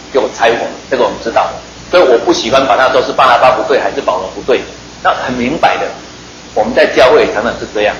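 Male preacher, chatty and quick sermon delivery, roomy hall with faint noise. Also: mid-range voice, fairly bright tone. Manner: chatty, joking, asks the listeners rhetorical questions.

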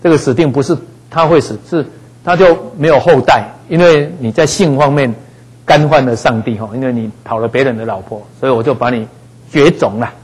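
A man teaching a Bible passage in a relaxed, conversational way, dropping frequent little fillers. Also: medium pitch, a little fast, breathy edge, low-quality recording. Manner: conversational, frequent "哈" fillers, acts out voices in quotes.

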